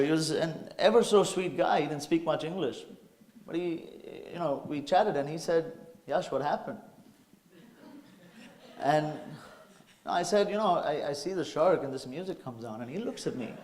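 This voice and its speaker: A man's voice: high-pitched, roomy sound. A man from India telling a suspenseful personal story to a live audience, acting it out with sound effects. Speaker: speaker. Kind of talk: storytelling talk on stage. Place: stage before a live audience.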